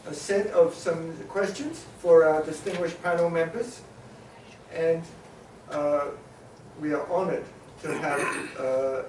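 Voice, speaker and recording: Here a panel facilitator from New Zealand, whose first language is Maori, summarizes in a halting way, full of fillers and false starts, his voice slightly high. The sound is hall echo and steady hiss, recorded well away from the microphone.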